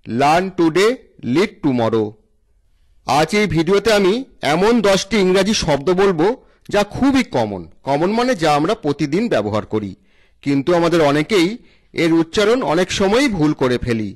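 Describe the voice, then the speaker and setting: A man's voice: on the high side, sing-song, moderate pace. A man with a Bengali accent hosts a pronunciation lesson, spelling English words letter by letter and then repeating the correct form. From India. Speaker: English teacher and channel host.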